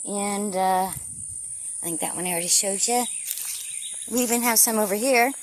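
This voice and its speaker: A woman's voice: mid-range voice, moderate pace, slight background noise. A woman narrating a casual garden vlog outdoors, thinking aloud as she works. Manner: chatty, thinking aloud while working. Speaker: gardener filming her garden.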